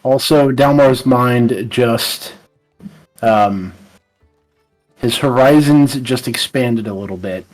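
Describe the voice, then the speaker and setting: A man's voice: medium pitch, takes it slowly, pauses often, a little mellow, soft background music, low-quality recording. A man playing a tabletop role-playing game, talking casually and describing what his character does.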